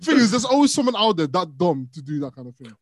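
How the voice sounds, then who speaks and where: Here a young podcast co-host swaps stories in relaxed conversation, laughing frequently and telling them with lots of energy. His voice is high and quick, with no room sound at all.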